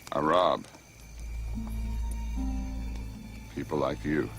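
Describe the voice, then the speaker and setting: A drifting robber from a western film. His voice sits low, with unhurried, folksy manners and a quiet threat beneath. Prominent music plays behind him. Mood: cold menace. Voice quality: deep voice. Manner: slow, laconic, folksy politeness. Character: menacing Old West male robber, falsely courteous drifter.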